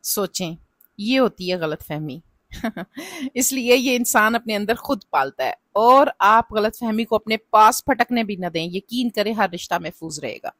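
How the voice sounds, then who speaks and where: A woman's voice: medium pitch, expressive, a little slow, fairly bright tone, dry recording. A woman, narrating her family vlog in a chatty, advice-giving way and often addressing viewers as "janab". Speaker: family vlogger.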